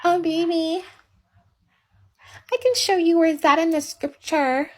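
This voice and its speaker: A woman putting on the voice of a meek, placating young wife who sweet-talks her husband in a soft, gentle way. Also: very high voice, steady tone, a little slow, voice pushed up. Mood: sugary.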